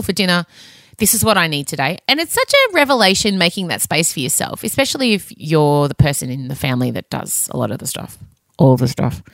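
Woman, lower register, dry studio sound, casual confessional monologue, self-mocking. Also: fairly bright tone, dry recording. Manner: candid, chatty, self-mocking, sweary. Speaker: podcast host.

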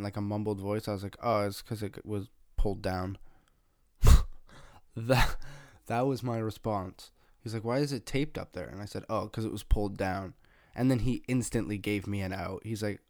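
Man, young adult, low-pitched, dry sound, casual storytelling, swears a lot, acts out quoted dialogue. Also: no echo. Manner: swears freely, animated retelling with quoted dialogue. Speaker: podcast host.

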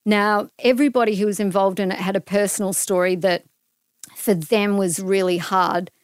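A middle-aged woman with an Australian accent talks earnestly through a personal story as an interview guest, her voice smooth and clear. The sound is close and dry, with no room around it. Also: mid-range voice, normal speed, dry recording. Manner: earnest, animated retelling with acted-out quotes.

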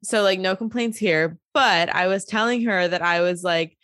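A woman's voice: medium pitch, moderate pace, a bit bright, dry recording. Chatty twenty-year-old woman, dry room. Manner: chatty, heavy use of "like" and "um". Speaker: podcast co-host. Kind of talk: casual chat.

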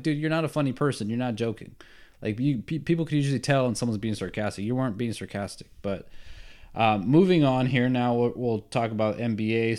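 A man's voice: medium pitch, a little mellow. A young man hosting a sports podcast alone, talking casually and with strong opinions, full of fillers and restarts. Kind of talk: solo casual sports talk.

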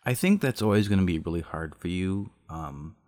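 A young man co-hosting a podcast, speaking in a calm, steady and reassuring way. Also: sits low, moderate pace. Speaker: podcast co-host. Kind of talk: casual intimate conversation.

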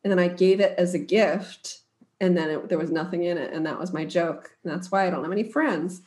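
A woman's voice: fairly low pitch, brisk, darkish tone. A young woman co-hosting a podcast, chatting casually in a jokey, self-deprecating way. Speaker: podcast co-host. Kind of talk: casual chat.

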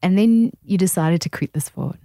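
Low warm-toned woman host asking questions, dry close mic. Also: lively intonation, moderate pace, dry recording. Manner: engaged, prompting questions. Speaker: podcast host. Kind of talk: interviewer questions.

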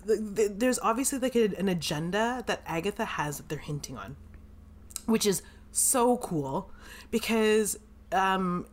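A woman co-hosting a podcast in casual chat, relaxed and hedging, thinking aloud with frequent "um"s. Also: mid-range voice. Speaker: podcast co-host. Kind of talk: casual show recap chat.

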